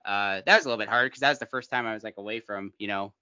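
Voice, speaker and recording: A man's voice: lowish voice, rapid-fire, pushed and bright, slight background noise. A young man in casual podcast chat, talking in an easygoing, agreeable way over a remote call. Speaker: podcast co-host. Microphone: remote call mic. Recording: dry, dull lo-fi call audio.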